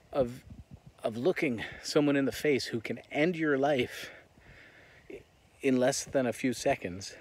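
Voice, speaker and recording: A man's voice: mid-range voice, slight background noise. A man with an American accent giving an earnest, reflective monologue as he walks and talks. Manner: earnest, reflective, talking while walking. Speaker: vlogger. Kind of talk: walk-and-talk monologue. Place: on the move while walking.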